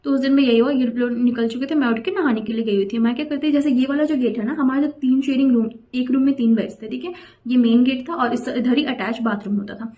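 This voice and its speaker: A woman's voice: sits high, quick pace, dark tone. A young woman telling a personal story in a chatty, indignant way, dropping English phrases into her talk. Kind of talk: casual storytime vlog.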